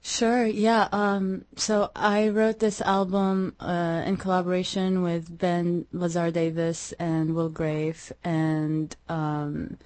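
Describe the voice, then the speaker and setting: A young woman from Iraq, a musician guest in an interview, speaking hesitantly with many pauses and restarts. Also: lowish voice, level tone, darkish tone, no room sound. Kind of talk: radio interview.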